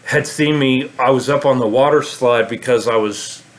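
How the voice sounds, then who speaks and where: Man, casual vlog storyteller, mid-pitched, rambles with loose fillers and restarts. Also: moderate pace. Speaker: vlogger.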